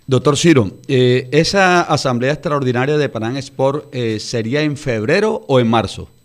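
A man's voice: mid-range voice, moderate pace. A man on a radio show asking the guest direct, formal questions. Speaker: radio co-interviewer. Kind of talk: radio interview.

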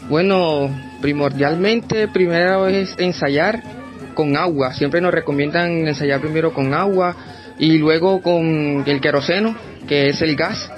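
A man explains a technique in an interview. His voice is fairly high, and music and a crowd are clearly heard behind him. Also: measured pace. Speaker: carnival dancer, interviewee.

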